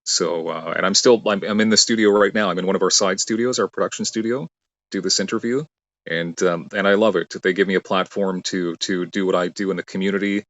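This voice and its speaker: A man's voice: low voice, fairly even intonation, brisk, a bit bright, lo-fi sound. A man from Canada, a radio host and ring announcer, chatting eagerly in an interview from a studio, with many fillers and restarts. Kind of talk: casual interview chat.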